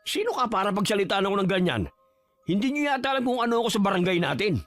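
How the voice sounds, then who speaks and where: A man's voice: sits high, expressive, fast, a bit bright, no room sound, soft background music. A man voicing a swaggering young village bully who taunts and sneers in an audio drama. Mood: taunting. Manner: taunting, scornful.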